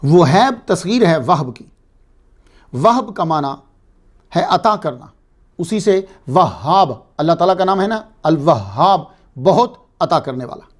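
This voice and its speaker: A religious speaker addresses a congregation in a fairly high-pitched, very animated voice. He explains patiently, posing questions and answering them himself.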